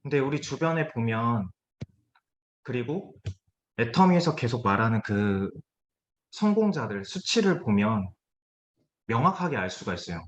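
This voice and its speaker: Man giving a business talk over lo-fi call audio. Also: medium pitch. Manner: conversational, many hesitation fillers. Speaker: guest speaker. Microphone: video call. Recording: dull lo-fi video call audio.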